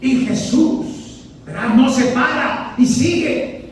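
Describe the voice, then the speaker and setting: Male priest, emphatic sermon style, slow delivery, distant mic with a faint hiss. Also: extremely high pitch. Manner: emphatic, questions the congregation, keeps saying "hermanos". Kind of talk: sermon to a prayer group. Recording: echoey hall, distant mic, faint background noise.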